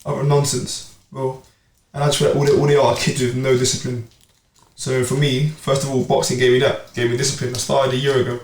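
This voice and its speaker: Young man, flat delivery, podcast guest heard off-mic in a roomy space with faint hiss. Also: mid-range voice, brisk, distant mic. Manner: animated storytelling with street slang. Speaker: amateur boxer and club player. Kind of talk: casual podcast chat.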